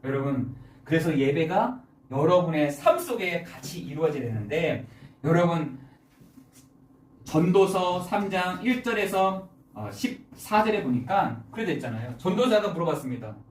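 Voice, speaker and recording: Rich: A pastor delivers a Sunday sermon with a lively voice that rises and falls a great deal, firing rhetorical questions at the congregation. The voice rings through a roomy church hall, picked up from some distance off the mic. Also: medium pitch, normal speed. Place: church sanctuary.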